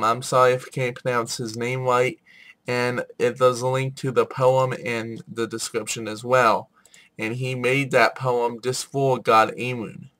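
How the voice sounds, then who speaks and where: A man with a medium-pitched, sharp voice hosts a casual explainer video despite a head cold and sore throat. He speaks informally and apologetically.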